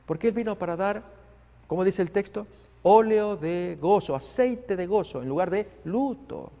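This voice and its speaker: A man preaching a sermon, dramatic and expressive, acting out the people in the story he tells. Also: high voice, moderate pace. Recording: long hall reverb.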